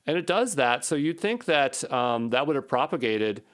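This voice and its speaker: With a sing-song, medium-pitched voice and a fairly bright tone, a male programming instructor talks through code off the cuff at a moderate pace. He thinks out loud, muttering brief phrases over and over as he puzzles things out.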